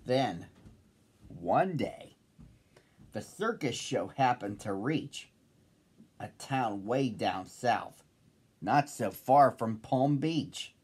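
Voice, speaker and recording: A man reading a children's picture book aloud as host, with a slow, lively storyteller's lilt. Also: medium pitch, slightly rough.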